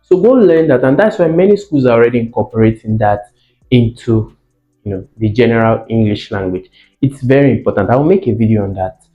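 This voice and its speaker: A man teaches a lesson in an animated, slightly fast, medium-pitched voice, explaining didactically, posing questions and repeating key words for emphasis. The audio is muffled and echoey, with faint music in the background.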